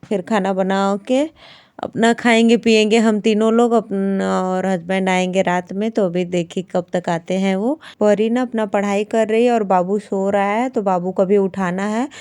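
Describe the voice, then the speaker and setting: A woman's voice: medium pitch, steady tone, normal speed, a little mellow, smooth, no echo. A woman, chatting homely to viewers through her daily-routine vlog. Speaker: vlogger, housewife.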